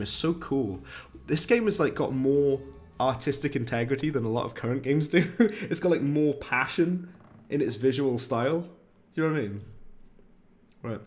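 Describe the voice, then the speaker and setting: Young man, casual game-stream chatter, middle pitch, faint game music behind. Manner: chatty, joking, rambling. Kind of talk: casual live-stream commentary.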